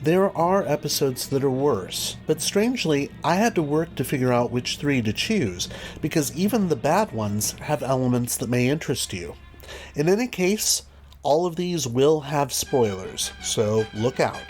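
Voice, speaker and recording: With music running in the background, an animated man of medium pitch and darkish tone hosts a scripted video review. He keeps a measured pace and adds dry, wry asides.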